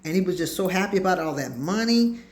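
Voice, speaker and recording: Talking fast and expressively in a fairly low, darkish voice, a woman hosting her talk show tells meandering stories and performs the lines other people said. There's a slight noise in the background.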